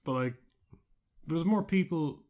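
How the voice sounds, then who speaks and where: A man's voice: a little high, measured pace, darkish tone. A man with an Irish accent co-hosting a podcast, talking in casual, rambling chat and often trailing off. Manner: rambling, amused, trails off mid-sentence. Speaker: podcast co-host.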